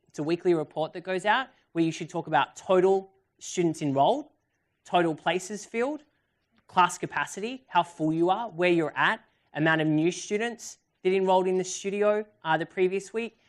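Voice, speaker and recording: A woman's voice: on the low side, normal speed. A woman presenting at a live seminar and answering audience questions in an upbeat, chatty way. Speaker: workshop presenter. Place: event hall with audience.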